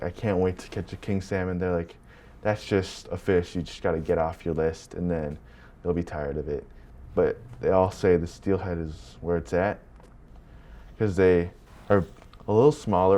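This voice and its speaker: A young man from Hong Kong, a college student, talking casually with lots of fillers for a documentary about his fishing. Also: low voice. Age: young adult. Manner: relaxed, filler-heavy casual talk. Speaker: college student fly fisher. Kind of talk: documentary interview and on-location talk. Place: outdoors by a river. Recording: background guitar music. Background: guitar music.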